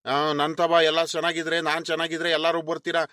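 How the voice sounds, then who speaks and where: Guy doing a cranky village landlord cartoon voice, high pitched, always scolding. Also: completely flat delivery, fairly quick, sharp tone, no echo, clean studio sound. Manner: scolding, grumbling. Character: proud grumpy middle-aged male village landlord.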